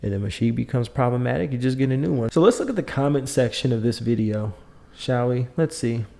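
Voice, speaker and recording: Middle-aged male podcast host; mid-pitched, warm dark timbre; emphatic, repetitive, lecturing delivery. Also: fairly quick, vocal fry. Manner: emphatic, lecturing, repeats points. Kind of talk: opinionated monologue.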